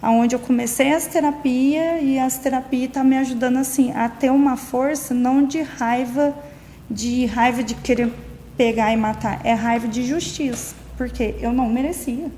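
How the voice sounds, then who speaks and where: A woman's voice: high-pitched, steady tone, normal speed, mellow, a little hiss or hum. A middle-aged woman, being interviewed and telling her story with emotion while acting out the dialogue. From Minas Gerais, Brazil. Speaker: interviewee, beautician. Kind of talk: personal account in an interview. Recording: reverberant room, faint background ambience.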